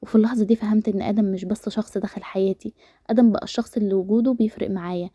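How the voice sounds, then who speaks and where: A woman with an Egyptian accent reading a romance story aloud in a brisk, steady first-person narration. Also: medium pitch, dry recording, studio quality. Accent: Egyptian Arabic.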